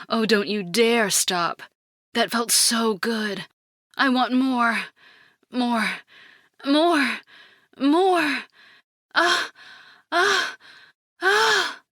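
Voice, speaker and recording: Woman playing young woman, breathy, pleading, drawn-out slow delivery, dry close sound. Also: mid-range voice, bright, forceful tone, no room sound, exaggerated voice. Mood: ecstatic. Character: breathless, eager young woman, passionate lover. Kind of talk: audiobook character acting.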